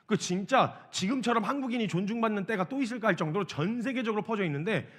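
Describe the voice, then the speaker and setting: A man preaching a sermon to students as a missionary, telling the story with lively acted-out dialogue. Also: high voice, fast. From South Korea. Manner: animated storytelling, acts out dialogue with shouts.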